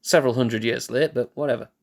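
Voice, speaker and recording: A man's voice: mid-range voice, vocal fry. A man live-streaming in casual chat, thinking aloud in a laid-back way, restarting sentences and chuckling at himself. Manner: musing, thinks aloud with restarts and self-corrections.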